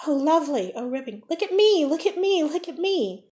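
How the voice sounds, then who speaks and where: A woman's voice: a little high, very animated, a little slow. A woman voicing a sweet young girl in a storybook reading, gushing and delighted.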